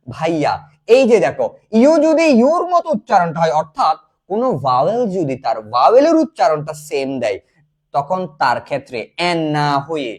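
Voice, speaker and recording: A young male tutor with a fairly high voice that swings up and down a great deal. He runs a live online class and throws questions at the students, then answers them himself. He calls his listeners "bhaiya". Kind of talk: live class teaching grammar.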